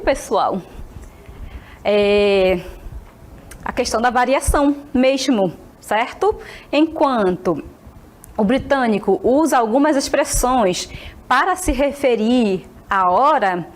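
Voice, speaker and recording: A woman teaching an English lesson in a friendly way, checking in often with her class and slowing down to model phrases. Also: on the high side. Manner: friendly, checks in constantly with short tags.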